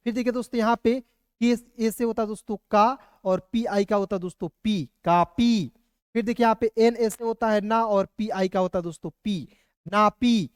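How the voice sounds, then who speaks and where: A man's voice: sits high, normal speed, smooth, dry recording. Man teaching spelling, dry close sound. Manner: spells letter by letter, repeats "ठीक है ना". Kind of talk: online lesson.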